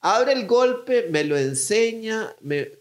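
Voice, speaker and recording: A man's voice: high voice, lively intonation, slow. A young man with a Costa Rican accent telling a story in casual chat, acting out voices as he goes.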